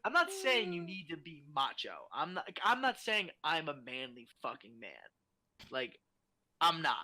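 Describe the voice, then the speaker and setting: A man's voice: a little high, big pitch swings, moderate pace, bright, forceful tone. A young adult man talking as a guest in a casual podcast chat, ranting animatedly and swearing a lot.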